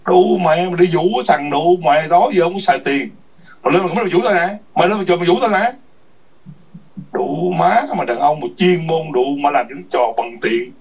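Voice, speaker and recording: Male chat host, husky, crude scolding rant, distant lo-fi sound. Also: a little high. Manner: foul-mouthed, scolding, repetitive taunts. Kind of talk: ranting livestream chat. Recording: distant muffled lo-fi mic.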